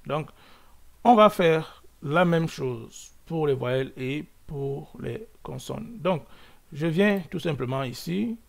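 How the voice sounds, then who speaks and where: A man hosting a coding lesson, talking slowly with many fillers and restarts, thinking aloud as he works. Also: fairly high pitch, lively intonation, gravelly. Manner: thinks aloud while working. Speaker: coding tutorial host. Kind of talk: screen-recorded coding lesson.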